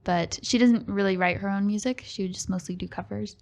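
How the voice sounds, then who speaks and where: A woman in her twenties, a singer-songwriter guest, answering casually with hesitant pauses and fillers. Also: mid-range voice, steady tone, darkish tone. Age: 20s. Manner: hesitant, laughs often, many fillers. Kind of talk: casual interview chat.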